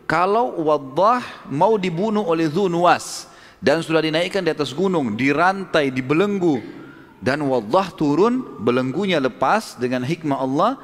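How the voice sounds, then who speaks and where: A man preaching a sermon, telling a story and acting out the quoted speech of its characters with lively shifts in his voice. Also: mid-range voice. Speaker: Islamic preacher. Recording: long hall reverb.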